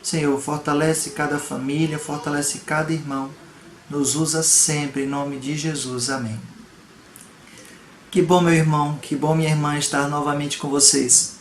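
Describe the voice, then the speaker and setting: A man's voice: a little high, little pitch movement, unhurried. A man from Salvador, Brazil, preaching a home video sermon with earnest emphasis and rhetorical questions. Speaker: pastor. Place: home room. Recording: echoey room, faint background noise.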